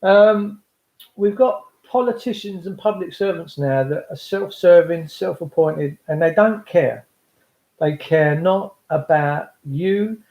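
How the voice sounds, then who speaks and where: A man from England livestreams an impassioned political monologue to his followers, his high, slightly mellow voice slow and emphatic as he repeats phrases for weight. The audio is rough, with a roomy sound.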